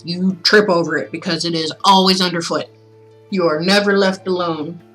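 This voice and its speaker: Soft background music accompanies a woman on the low side who hosts a livestream reading classic tales. She reads expressively at a measured pace and chats playfully and casually between stories.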